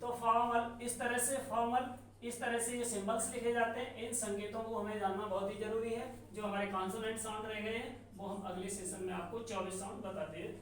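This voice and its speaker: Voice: mid-range voice, level tone, fairly bright tone. Echoey distant classroom teacher. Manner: slow, repetitive, sounding out examples. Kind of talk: classroom lesson on English sounds. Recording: very echoey room from far off, faint noise.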